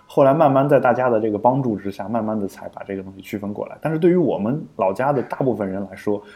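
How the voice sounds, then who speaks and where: A man's voice: mid-range voice, mellow. A man co-hosting a podcast in casual explanatory chat, thinking aloud with frequent fillers and restarts. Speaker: podcast co-host.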